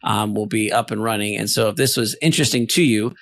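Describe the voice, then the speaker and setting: A man's voice: lowish voice, fast, dry recording. A man co-hosting a podcast, talking through his thoughts in a casual, rambling way with many fillers. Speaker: podcast co-host.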